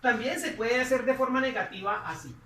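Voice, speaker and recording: A woman teaching a grammar lesson, repeating each phrase slowly as she writes it out. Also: fairly high pitch, a bit bright, recorded from a distance. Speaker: English teacher. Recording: echoey room, voice from off-mic.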